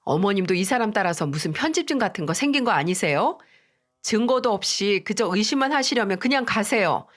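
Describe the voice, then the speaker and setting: A woman's voice: mid-range voice, lively intonation, brisk, close to an everyday voice. Woman reading as snappy young wife, brushing off her mother-in-law, cold and curt. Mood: defiant. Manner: snappish, dismissive. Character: angry defiant young wife, daughter-in-law.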